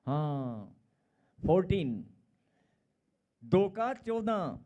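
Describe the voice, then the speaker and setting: A middle-aged man preaching a sermon, emphatic and repetitive, swinging between loud calls and quiet asides. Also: high voice, big pitch swings, very slow.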